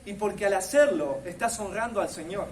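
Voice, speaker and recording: A man's voice: sits high, fairly quick, echoey room, recorded from a distance, slight background noise. A man with a Rioplatense Spanish accent preaching a sermon as pastor, earnestly putting questions straight to his listeners. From Argentina.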